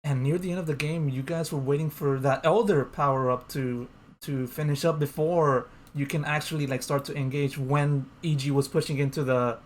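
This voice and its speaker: A man's voice: fairly high pitch, steady tone. A man with a slightly raised voice conducts a one-on-one esports interview. He rephrases his questions mid-sentence and leans on ums, with faint noise underneath. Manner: halting questions with restarts and ums.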